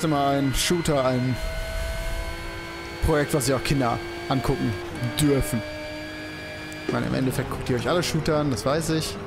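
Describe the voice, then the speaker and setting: This young let's play host's voice is on the high side and marked by vocal fry. He rambles casually while commentating a racing game, swearing and exclaiming at the track, as game music plays in the background.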